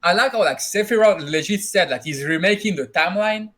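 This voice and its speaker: A man with a French accent, a podcast co-host rambling excitedly about a game in casual chat full of filler words and swearing. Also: high-pitched, a little fast.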